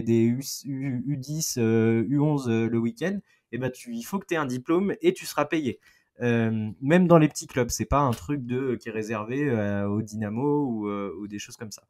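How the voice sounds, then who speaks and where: A football columnist in his thirties with a French accent and a medium-pitched voice presents a lively, joking football chronicle on a podcast, backing his points with figures.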